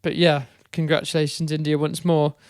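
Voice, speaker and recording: Young male podcast co-host, smooth resonant voice, dry sound, hesitant casual cricket chat. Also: a little high, level tone, normal speed, no room sound. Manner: thoughtful, hesitant with fillers.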